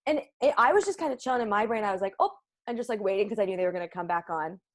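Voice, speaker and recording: A woman's voice: mid-range voice, animated, rapid-fire. A young woman co-hosting a podcast in casual chat, laughing often and reacting with short quips. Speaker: podcast co-host.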